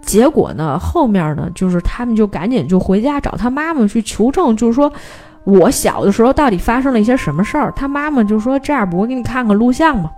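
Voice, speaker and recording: Woman, podcast host, very lively pitch, casual storytelling. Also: fairly quick, faint music behind. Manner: animated storytelling, briefly mimics characters' lines. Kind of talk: casual film plot recap.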